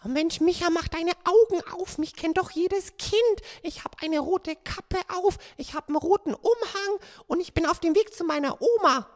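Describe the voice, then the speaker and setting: A frightened, excitable fairy-tale girl acted by a woman with a high voice, recorded dry. She pleads and exclaims breathlessly, in the manner of a children's radio play. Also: moderate pace, few pauses, dry recording. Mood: insistent. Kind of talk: children's audio play acting.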